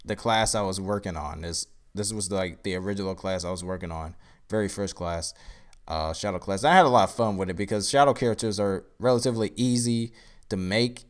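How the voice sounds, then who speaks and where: Groggy low-voiced man rambling. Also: fairly quick. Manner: rambling, thinking aloud while explaining. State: groggy, tired from a long day. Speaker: card game creator. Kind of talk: casual live stream card showcase.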